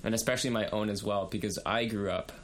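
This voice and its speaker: A man's voice: fairly low pitch, steady tone, fast. A young man from Canada, talking in a hesitant way with many fillers during a casual discussion. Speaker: podcast co-host.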